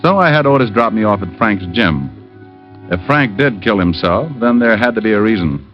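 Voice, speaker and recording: In a 1940s-style radio drama, a man plays a sardonic, dogged private detective who narrates his own case in the first person and cracks hard-boiled wisecracks. His fairly low, natural voice is animated, at a moderate pace. The old radio recording sounds dull and carries music.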